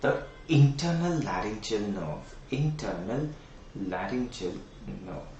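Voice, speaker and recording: A middle-aged man with an Indian English accent gives an online exam-prep anatomy lecture, quizzing students and repeating key terms. His fairly low, slightly mellow voice is very animated but unhurried. The muffled recording has a little hiss or hum, with an echoey room and a distant mic.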